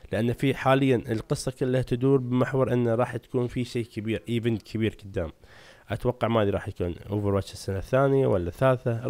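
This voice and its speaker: A man's voice: on the low side, a little mellow, dry recording. A man hosting a gaming channel. He explains game lore in a chatty style and keeps asking his audience "right?".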